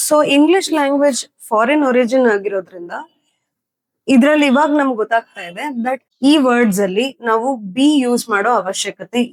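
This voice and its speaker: A young woman teaching spoken English with a Kannada-accented Indian English, explaining slowly and repeating word lists for practice. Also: on the high side, no room sound, poor audio. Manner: slow, deliberate explaining, repeating words for practice.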